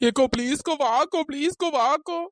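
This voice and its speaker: A woman voicing a frightened, breathless young village girl in a cartoon, pitch-raised and begging. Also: fast, a little mellow, a little hiss or hum. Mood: scared pleading. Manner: begging, repeats short pleas. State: out of breath, tearful. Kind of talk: cartoon voice acting.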